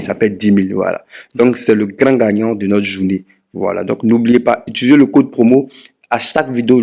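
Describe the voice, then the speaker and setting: Gravelly Ivorian man walking through steps. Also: fairly low pitch, a little mellow. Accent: Ivorian French. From Ivory Coast. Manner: repetitive, step-by-step, repeats key phrases for emphasis. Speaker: betting tips YouTuber. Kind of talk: casual screen-walkthrough tutorial.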